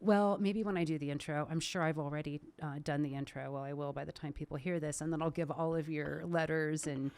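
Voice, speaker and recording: Chatty woman podcast host, low voice. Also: a little fast, few pauses, no room sound. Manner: laughs often, chatty and animated. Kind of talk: casual conversation.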